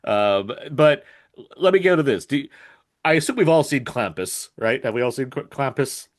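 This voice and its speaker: Animated lower-voiced man reviewing a movie. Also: moderate pace. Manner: animated, laughing, mock-quoting characters. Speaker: podcast co-host. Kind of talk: casual movie review chat.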